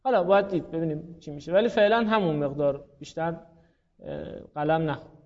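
A man with a high voice lectures a class in a patient, stepwise way and keeps putting questions to his listeners. His voice trails off into a long reverb. The recording is dull and muffled. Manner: explains step by step with rhetorical questions to students. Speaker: teacher.

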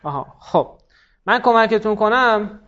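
A man teaching a grammar class, quizzing students on their answers, praising them and explaining rules briskly. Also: high-pitched, animated, a bit bright, muffled recording. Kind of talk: classroom lesson with student drills.

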